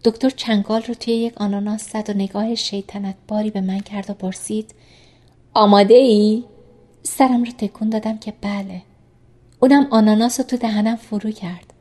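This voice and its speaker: A woman reading a first-person novel aloud in calm, soft, even narration. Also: medium pitch.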